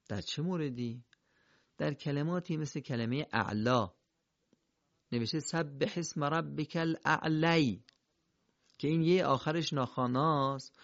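Gravelly guy teaching quran reading, slow careful examples, dull lo-fi sound. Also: medium pitch, dry recording. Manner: methodical, models pronunciations slowly. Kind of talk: recorded lesson. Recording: dull lo-fi recording.

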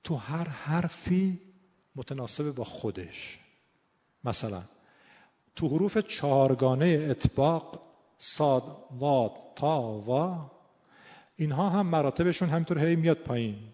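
A man's voice: fairly high pitch, animated, dark tone. A male teacher giving a lesson on Quran recitation, explaining pronunciation and then demonstrating sounds by repeating and drawing out syllables. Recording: long reverb in a hall.

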